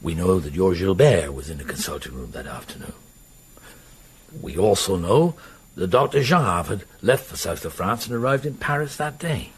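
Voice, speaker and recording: An actor playing a patient, perceptive police inspector in a radio drama, hesitant, avuncular and probing. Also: male voice, low-pitched, lively intonation, normal speed, a little hiss or hum. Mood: measured, deliberate.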